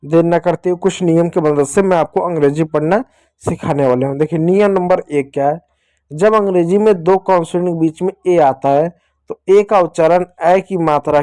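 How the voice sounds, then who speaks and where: A man's voice: a little high, mellow, no room sound. A young man teaching children English phonics, asking questions and answering them himself and repeating key points. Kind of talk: classroom-style phonics lesson.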